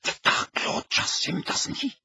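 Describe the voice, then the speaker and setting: A man reading an audiobook, voicing a desperate witch who speaks in a strained, breathy hush. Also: measured pace, dry recording. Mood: tense. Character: desperate pale adult witch, tense and secretive.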